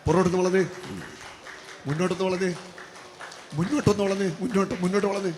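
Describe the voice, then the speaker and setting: A man with a high voice and flat delivery speaks fast while leading a charismatic healing service at a church retreat hall's altar. He gives commands and chants prayer lines repeatedly, recorded in an echoey hall with faint noise.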